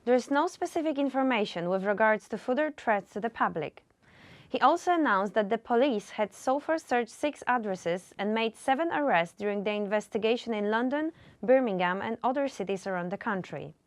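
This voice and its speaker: A young woman reads a scripted news bulletin in a careful, even delivery. Her voice sits a little high. The recording is dry and close. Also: brisk, no room sound. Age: young adult. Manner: careful, read-aloud delivery. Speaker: reporter.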